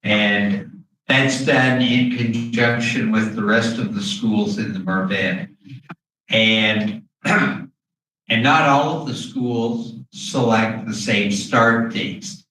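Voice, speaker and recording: Slow man talking through a face mask, echoey room. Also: fairly low pitch, fairly even intonation, bright, forceful tone. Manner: hesitant, with long pauses and frequent throat clearing. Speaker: school district official presenting to a board. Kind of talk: halting explanatory presentation at a public meeting. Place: indoor meeting room. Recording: very echoey room, distant mic, faint noise.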